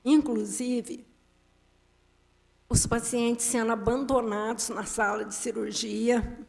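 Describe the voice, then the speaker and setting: A woman giving nervous, halting testimony as an invited guest at a council committee meeting, with many fillers and restarts. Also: on the high side, fairly even intonation, vocal fry, darkish tone. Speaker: invited guest making complaints. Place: council chamber.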